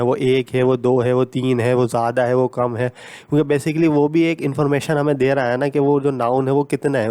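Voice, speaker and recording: Man, grammar teacher, patient repetitive explaining, mid-pitched voice, dry close sound. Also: darkish tone, smooth, no echo.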